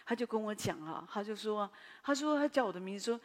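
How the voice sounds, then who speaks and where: A woman pastor with a Taiwanese Mandarin accent, preaching a sermon in a chatty, storytelling way with animated asides. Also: medium pitch, quick pace, big-room sound.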